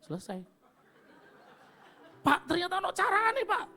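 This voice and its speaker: Lively East Javanese man preaching. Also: very high-pitched, measured pace. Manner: animated, playful, jumps between voices and slang. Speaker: pastor. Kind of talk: lively sermon with acted-out stories. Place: church service.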